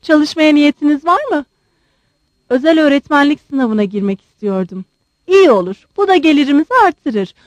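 A woman's voice: high voice, expressive, normal speed, no echo. Aglaé, a haughty young woman, read by a woman. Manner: sharp, interrogating, mocking. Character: proud, blunt young woman.

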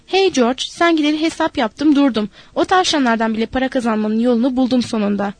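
A woman's voice: high voice, fast, a little mellow, no echo. Woman voicing a nervous old ranch hand. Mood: chatty.

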